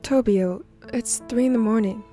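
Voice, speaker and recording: A woman reading the lines of a calm, protective young man who grumbles low and slow, in a fan fiction reading. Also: soft background music, lightly acted.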